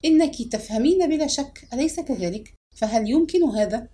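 Brief: woman voicing a nervous, stammering young man in an audiobook, lively pitch. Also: a little fast. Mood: nervous pleading. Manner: stammering, pleading. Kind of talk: audiobook reading.

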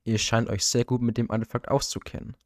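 A man reading the part of a cold, suspicious lord in a storybook audiobook, with a quietly threatening delivery. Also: medium pitch, flat delivery, brisk, no echo, studio quality, close to an everyday voice.

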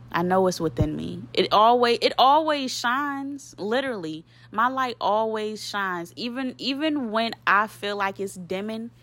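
A woman's voice: mid-range voice, fairly bright tone. A woman in her twenties hosting a solo podcast, venting candidly and emotionally in casual slang and often repeating her phrases. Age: 20s. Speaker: podcast host.

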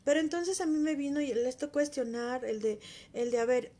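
High-voiced woman giving testimony. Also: a little fast, dark tone. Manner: emotional, intimate, talking straight to the listener. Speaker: speaker sharing a personal faith testimony. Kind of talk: heartfelt personal testimony.

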